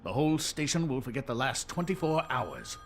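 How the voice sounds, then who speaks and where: An actor playing a businesslike, cautious official in a video game, speaking formally and precisely. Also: male voice, medium pitch, very animated, brisk, slight background noise. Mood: brisk. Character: businesslike, cautious male official, calm and measured.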